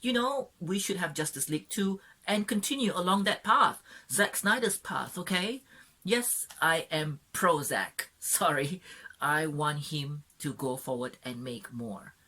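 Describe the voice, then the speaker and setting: A young woman talks through a film review in a gushing, excitable vlog manner. Her voice sits low and a little husky, and she keeps breaking into giggles and quick apologies. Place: Sydney, Australia.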